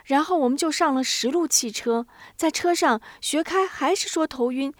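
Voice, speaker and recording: A woman's voice: high-pitched, no echo, pitched above the performer's own voice, close to an everyday voice. A woman voicing a flustered young girl who breathlessly recounts what happened. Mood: anxious. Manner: breathless, rushed retelling.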